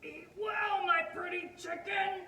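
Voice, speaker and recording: Greedy cartoonish wolf puppet for kids' storytime woman performer, bright and unhurried, exaggerated, echoey room. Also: very high-pitched, fairly even intonation, voice pushed up, exaggerated voice. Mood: gloating, hungry. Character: greedy scheming wolf puppet craving chicken stew. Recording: roomy, distant mic, faint noise.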